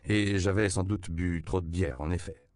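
A man's voice: low voice, steady tone, moderate pace, darkish tone, clean tone, no echo, clean studio sound, close to an everyday voice. A man reading a mild, polite older writer. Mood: apologetic.

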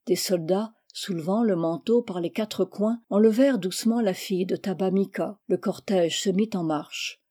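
Woman narrator for a classic novel audiobook, measured and expressive, warm mellow tone. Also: medium pitch. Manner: measured, expressive literary reading.

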